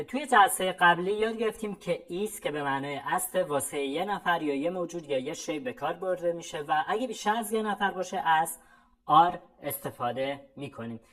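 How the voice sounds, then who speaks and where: A woman teaching English in a voice, explaining in a brisk, friendly way and then saying short model sentences slowly and carefully. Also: lowish voice, poor audio. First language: Persian. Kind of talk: online language lesson.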